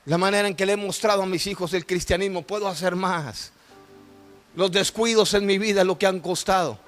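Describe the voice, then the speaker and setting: A middle-aged man, preaching a sermon testimony and moving between hushed and shouted emotional storytelling. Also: high voice, a little fast, soft background music.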